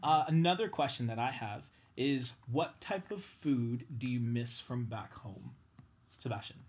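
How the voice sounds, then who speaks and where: A man hosting a casual panel chat with students, upbeat and quick to laugh. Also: mid-range voice, expressive. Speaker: host.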